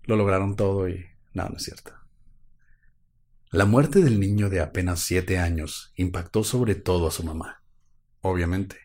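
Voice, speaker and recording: In a deep, slightly mellow voice and at an unhurried pace, a podcast co-host walks through a true-crime case on a live stream. He tells it a bit dramatically, sprinkling in wry jokes as he goes.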